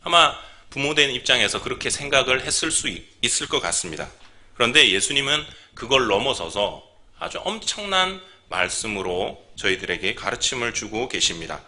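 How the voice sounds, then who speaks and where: A man's voice: mid-range voice, very animated, normal speed, pushed and bright. A man preaching a sermon as pastor, speaking to his congregation, asking them questions and acting out the people in his story. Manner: engaging, asks the congregation questions. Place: church.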